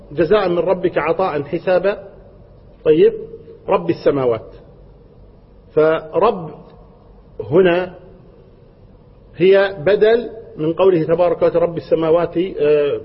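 A man's voice: on the high side, breathy edge. A man giving a religious lesson on Quran verses, explaining patiently, repeating key points and posing rhetorical questions. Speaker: Quran teacher. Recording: dull lo-fi recording with long hall reverb.

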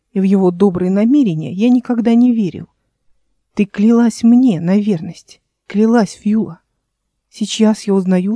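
A woman's voice: medium pitch, warm tone, no echo, studio quality, close to an everyday voice. A woman voicing an indignant, bitter half-blood young man in a fantasy audiobook.

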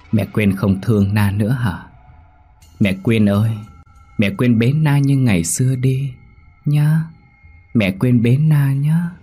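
A man voicing a creepy possessed doll girl who pleads and wheedles in a drawn-out way, in a horror story reading. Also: on the low side, dark tone, slightly rough.

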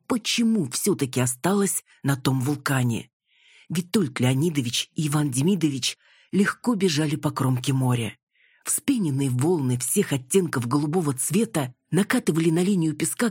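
A woman reading a novel aloud as an audiobook in an expressive storytelling manner. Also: low voice, husky, dry recording, studio quality. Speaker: audiobook reader. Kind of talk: novel narration.

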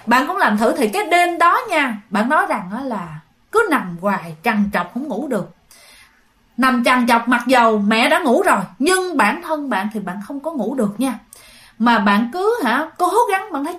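A woman's voice: high-pitched, a bit bright. A woman telling a ghost story in a chatty way, speaking directly to her listeners. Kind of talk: casual storytelling.

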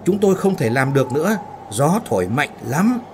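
A man voicing frightened, quarrelsome female factory workers in a spoken ghost story, shrill and scolding. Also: animated, normal speed, background noise, lightly acted.

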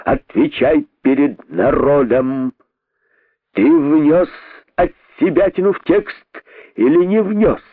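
A man's voice: lowish voice, sing-song, extremely slow, slightly rough, dry recording, exaggerated voice. A grim, pompous rabbit king scolds and accuses with theatrical weight, voiced by a man reading a storybook. The sound is narrow and phone-like, with no room around it. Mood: stern.

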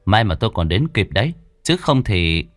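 A man voicing a blunt, coarse middle-aged exorcist who talks in quick, brusque retorts. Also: lowish voice, sing-song, no echo, studio quality. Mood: calm.

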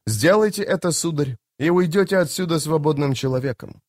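A man's voice: on the high side, fairly quick, dry recording, clean studio sound, voice pushed up, lightly acted. A male audiobook reader voicing a stern, formal knight commander who speaks in clipped phrases. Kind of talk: audiobook character voice.

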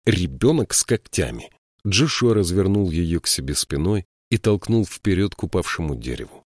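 A man reading a fantasy novel aloud as narrator, in a measured, even way. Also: deep voice, no room sound, clean studio sound. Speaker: audiobook narrator. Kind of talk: scripted narration.

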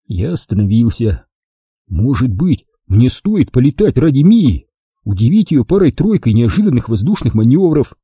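A man's voice: medium pitch, sing-song, moderate pace, warm tone, slightly rough, dry recording, clean studio sound. A man narrating a children's story in the first person as an audiobook reader.

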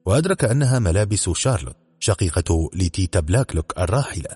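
A man narrating a detective story in a steady, measured audiobook reading. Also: sits low, breathy edge, dry recording.

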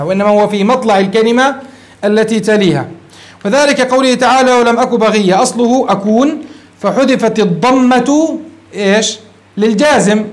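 A man teaching grammar in a classroom lecture, explaining step by step and asking his students questions before answering them himself. He slips into phrasing. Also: high voice.

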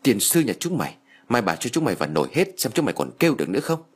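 A man voicing a harsh old peasant grandmother who curses and yells at her family. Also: mid-range voice, sing-song, fast talker, husky, pitched above the performer's own voice. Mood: furious. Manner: harsh, cursing, yelling.

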